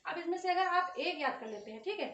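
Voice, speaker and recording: A woman teaches an exam-prep grammar lesson in a high voice. She pronounces each sound aloud, draws out the long vowels and keeps asking whether her students follow. She sits a little back from the mic in an echoey room. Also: lively intonation, fast, a bit bright, recorded from a distance, dull audio. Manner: drills vowel sounds aloud, stretching long ones, with frequent "ठीक है" check-ins.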